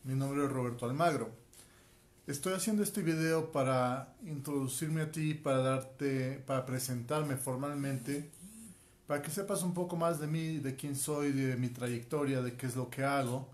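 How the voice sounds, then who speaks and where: In a small room at home, a fortysomething martial arts instructor and life coach from Quito films his own introduction on a phone at arm's length, talking earnestly to camera with frequent "ok?" tags. His Ecuadorian Spanish accent comes through in a medium-pitched, fairly even, unhurried voice.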